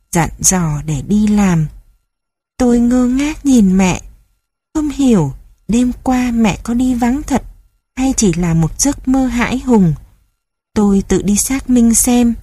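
A woman reads a childhood memoir aloud as narrator, in a measured, reflective way. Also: medium pitch, dark tone, slightly rough, no room sound.

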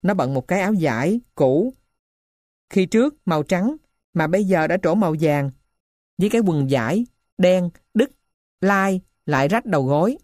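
A woman giving steady scripted narration of a novel. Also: lowish voice, normal speed, no room sound, clean studio sound.

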